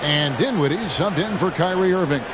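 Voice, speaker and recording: A man calling basketball play-by-play in a video game, with brisk short calls. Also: sits high, animated, a loud crowd, very noisy. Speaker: play-by-play commentator. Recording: game audio with loud music behind. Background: loud music.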